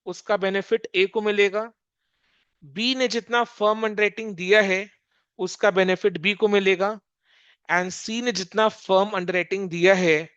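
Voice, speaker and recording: A commerce teacher talks through an accounting problem at a very slow, deliberate pace, repeating each step and quizzing the listener. The voice is smooth and clear. The recording is dry and a little dull, with no room sound. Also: mid-range voice, a bit bright, no echo.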